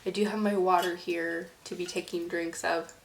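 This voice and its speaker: A young woman with a cold, speaking softly and haltingly as she chats through her monthly knitting recap, her voice congested and sometimes slipping into a whisper. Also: on the low side, flat delivery, gravelly, a little hiss or hum. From Oregon, USA. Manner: soft and halting, slipping into whispers between coughs. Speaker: knitting vlogger. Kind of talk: casual chat.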